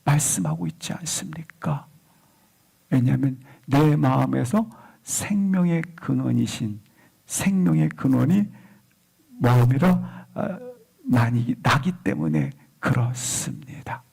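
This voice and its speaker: A male pastor preaching a Sunday sermon. He leans hard on key words, drawing them out slowly, then lets phrase endings drop almost to a whisper. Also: medium pitch, big pitch swings, vocal fry, husky. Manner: swings between loud emphatic stresses and phrase endings dropped to a whisper; slow, drawn-out stress on key words.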